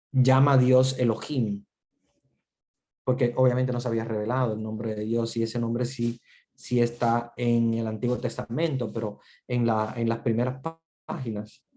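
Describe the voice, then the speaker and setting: A man's voice: medium pitch, a little mellow. A man teaching an online Bible class, earnest and repetitive, with frequent restarts and fillers.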